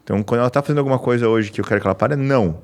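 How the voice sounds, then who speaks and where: A man's voice: mid-range voice, very fast. A man hosting a podcast, chatting casually and telling a personal story about his dog. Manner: relaxed, tells personal anecdotes. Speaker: podcast host.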